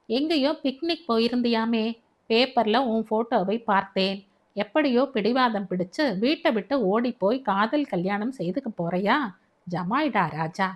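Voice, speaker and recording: A woman's voice: mid-range voice, lightly acted. A woman voicing a cocky young man who teases and brushes people off in street slang. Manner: teasing, mocking, brash slang. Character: cocky young man, jailed avenger, swaggering.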